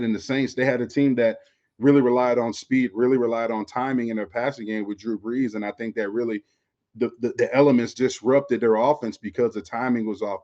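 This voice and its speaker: A former pro football player from Florida co-hosts a sports podcast, chatting casually in a medium-pitched, darkish voice. He circles back over his phrases and keeps saying "you know," and the audio sounds dull.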